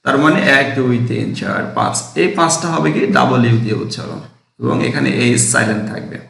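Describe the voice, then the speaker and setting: Gravelly teacher in echoey room. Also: male voice, medium pitch, big pitch swings, brisk, fairly bright tone. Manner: repetitive, drilling each word. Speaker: English teacher. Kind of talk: phonics lesson to students.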